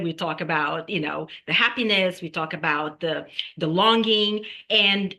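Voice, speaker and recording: A woman from Brazil, a singer-songwriter guest, talking casually and reflectively, pausing on fillers and often adding "right?". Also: fairly low pitch, bright, forceful tone. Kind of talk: casual interview talk.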